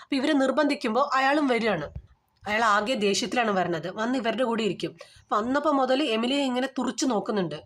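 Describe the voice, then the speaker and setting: A woman with a somewhat high voice recaps a film in casual storytelling. Her delivery is chatty and flowing, chaining scene after scene. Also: lively intonation, a little fast. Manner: chatty retelling, strings events with "then"; grows loud and urgent at tense scenes. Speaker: movie recap narrator.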